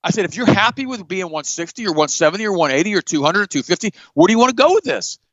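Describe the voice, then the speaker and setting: A middle-aged man hosting a show, telling stories in a blunt, animated way and jumping up in pitch for emphasis. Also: very fast, no room sound, lo-fi sound. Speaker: podcast host. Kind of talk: casual storytelling chat.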